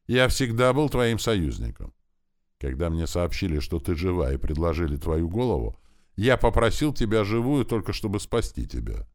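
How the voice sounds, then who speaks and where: A man's voice: sits low, big pitch swings, normal speed. A man voicing a frightened young male rebel leader who whines and begs. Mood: plaintive. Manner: whining, begging, panicky.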